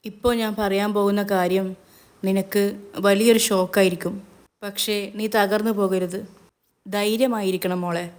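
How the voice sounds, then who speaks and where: A solemn middle-aged father who chooses his words slowly and holds back sorrow, voiced by a woman narrator. The delivery stays level and restrained, close to her own plain reading voice, in a storybook telling. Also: mid-range voice, steady tone, close to an everyday voice. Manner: slow, grave, restrained.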